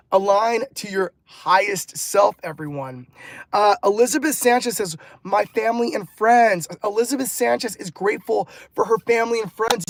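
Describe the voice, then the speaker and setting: A motivational coach from Los Angeles, California hosts a live stream, upbeat and effusive, laughing often and repeating words while reading out chat comments. His voice is high and creaky, recorded without echo.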